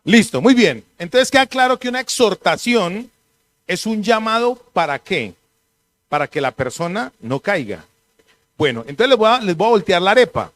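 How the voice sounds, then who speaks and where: A middle-aged man with a Colombian accent, preaching a church sermon in a lively, conversational way with humorous asides. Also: high voice, moderate pace. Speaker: pastor. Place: church service.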